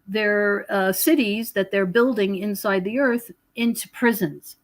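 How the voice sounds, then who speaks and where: A woman appears as a podcast guest, an author and researcher of prophecy, explaining her spiritual beliefs in a conversational interview. She sounds emphatic and preachy, repeating words and checking in with the listener. Her medium-pitched voice is fairly even and a little slow.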